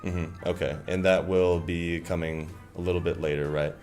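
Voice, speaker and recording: A man hosts a studio livestream in a very deep voice, upbeat and chatty, with lots of quick affirmations. Faint music runs in the background. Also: flat delivery, darkish tone. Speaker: stream host. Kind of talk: livestream interview hosting.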